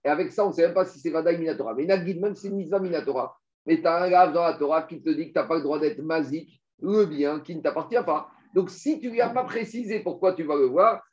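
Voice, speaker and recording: Animated man teaching a Talmud class. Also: sits high. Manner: explains step by step, rhetorical questions, animated. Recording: dull lo-fi recording.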